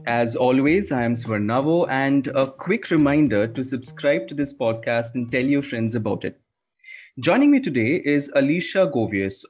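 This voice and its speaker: A man's voice: mid-range voice, darkish tone. A man hosting a podcast, talking in a friendly, chatty way with frequent fillers. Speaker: podcast host. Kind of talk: casual interview chat.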